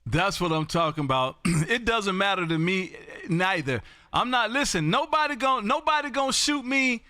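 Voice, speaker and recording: An American man runs a live amateur radio session, chatting and calling for contacts in a booming, folksy, animated style at a moderate pace. There's a little hiss or hum in the audio.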